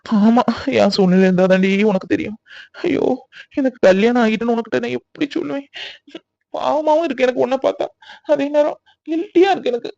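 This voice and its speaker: A man's voice: extremely high pitch, brisk, vocal fry, long pauses, a little mellow, no echo. A young man voicing a harried, guilty young husband who stammers and frets, on slightly dull audio. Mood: flustered. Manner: flustered, stammering.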